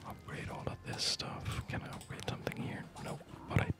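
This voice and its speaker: Breathy and mostly unvoiced, a whispering gamer thinks aloud about their gameplay in ASMR style, speaking in clipped, halting bits.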